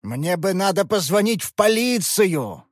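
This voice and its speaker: A woman voicing a gruff, angry old man of grandfather's age who growls and scolds in an audiobook. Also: medium pitch, very animated, unhurried, no room sound, studio quality. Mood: angry scolding. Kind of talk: audiobook character voice.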